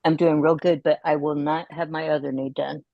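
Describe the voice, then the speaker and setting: Low-voiced middle-aged woman telling stories. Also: flat delivery, brisk, creaky, dry recording, dull audio. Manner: storytelling, laughs often. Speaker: guest. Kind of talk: casual chat.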